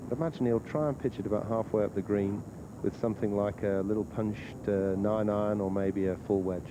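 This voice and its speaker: A man giving live golf commentary in a thoughtful, halting manner, with frequent hesitations. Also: lowish voice, fairly even intonation. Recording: clear outdoor background noise. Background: outdoor golf course ambience.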